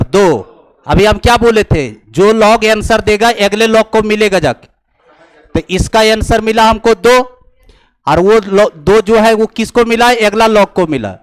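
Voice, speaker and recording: Slow, high-voiced math teacher. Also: male voice, smooth. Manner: slow, teasing, mixing Hindi and English, chuckling asides. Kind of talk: classroom lecture. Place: coaching classroom.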